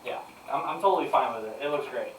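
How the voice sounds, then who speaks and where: A man chatting casually while building in a game with friends, upbeat and quick to laugh, reading viewers' comments aloud. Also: medium pitch. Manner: upbeat, laughs easily, animated. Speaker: streamer reading chat. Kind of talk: casual gaming chat. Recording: echoey, distant, faint noise.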